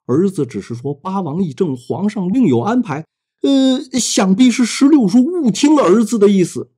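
A man's voice: high-pitched, expressive, normal speed, mellow, breathy edge, pitched above the performer's own voice. A man voicing a frightened young prince who pleads in a trembling voice. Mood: pleading. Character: frightened young male prince, emperor's son.

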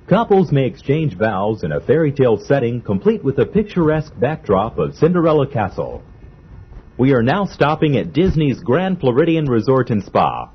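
A man giving polite, measured onboard train announcements in a formal manner. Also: mid-range voice, breathy edge. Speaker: transit announcer. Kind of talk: recorded monorail announcements. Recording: dull lo-fi old recording.

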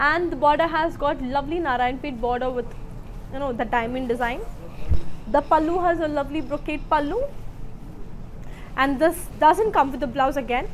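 A woman's voice: high-pitched, slight background noise, rough recording. A woman with a South Indian accent hosting a live shopping sales presentation, bubbly and effusive, switching between languages as she talks. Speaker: live saree sales host.

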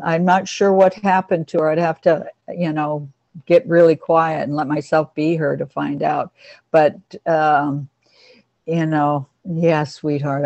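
A woman's voice: on the low side, a little mellow, no room sound, highs cut off. A woman teaching an online class on a video call, chatty and affectionate, calling people honey and sweetheart. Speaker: animal communicator teaching a class. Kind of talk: casual online class talk.

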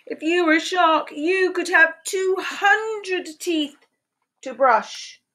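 A woman in her sixties, her voice very high-pitched, bright and forceful, reads a picture book to young children slowly. She reads in a sing-song storytelling voice and asks them questions. The audio comes from a webcam at her desk in a small room at home.

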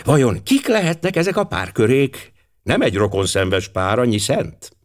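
A man reading an audiobook voices a blunt, hearty male police inspector who speaks with brisk authority. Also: medium pitch, very animated, voice pushed up, lightly acted. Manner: hearty, commanding, quick to conclude.

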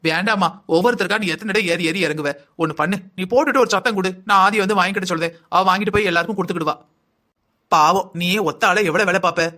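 A man's voice: high-pitched, fast talker, bright, forceful tone. A man voicing a fussy older mother-in-law in a cartoon, giving long kitchen instructions. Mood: bossy.

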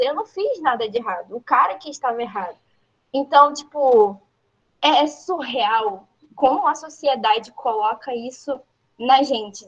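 A woman's voice: high-pitched, fairly bright tone. A woman telling a personal story in a group session, emphatic and repetitive, with many fillers. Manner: emphatic, repeats herself, fillers like "tipo assim". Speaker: workshop participant. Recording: dull lo-fi audio.

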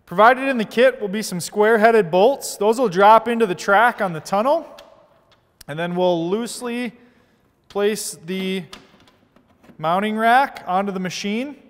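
High-voiced man explaining an install step by step. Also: measured pace, in a large hall. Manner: steady, methodical step-by-step explaining. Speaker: product installation instructor. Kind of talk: scripted how-to narration. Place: large indoor workshop studio.

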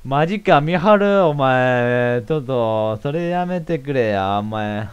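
A man with a commenting on a game as he plays, reacting loudly and thinking aloud. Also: medium pitch, animated, takes it slowly, clear, resonant tone, highs cut off. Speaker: game streamer. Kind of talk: let's play commentary. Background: game organ music.

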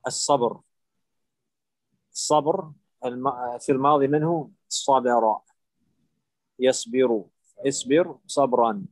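A man's voice: mid-range voice, slow, long pauses, no echo, low-quality recording. A man teaching Arabic morphology to students, patiently repeating words and drilling forms step by step. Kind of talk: live online lesson with students.

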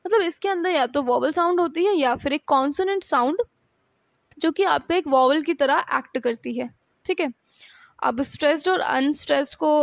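Woman teacher, high voice, dry close sound, explains patiently and reads definitions slowly. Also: no room sound. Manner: mixes Hindi and English, reads English definitions slowly. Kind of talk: explanatory lecture.

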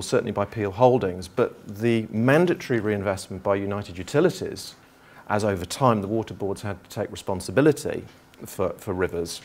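Middle-aged man giving a lecture. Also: lowish voice. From Liverpool, England. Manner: conversational, thinking aloud with restarts. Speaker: geography lecturer. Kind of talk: conference talk to teachers. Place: lecture theatre.

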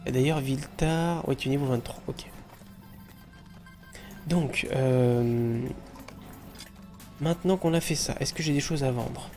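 A man's voice: medium pitch, slow pace, long pauses, dark tone, faint music behind. A man hosting a game video, chatting, joking and thinking aloud as he plays. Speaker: let's play host. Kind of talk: casual gameplay commentary.

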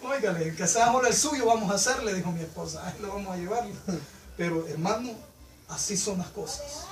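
A man preaching a sermon, fervent and emphatic, with loud rising peaks. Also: high-pitched. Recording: echoey room, picked up from a distance.

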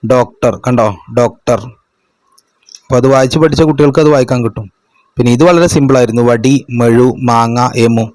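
A man explains exam answers to young students in a patient, step-by-step way, often asking a question and answering it himself. His voice sits in an ordinary middle pitch. The sound is dry and close, with little room echo. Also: fast talker, darkish tone. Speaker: madrasa teacher.

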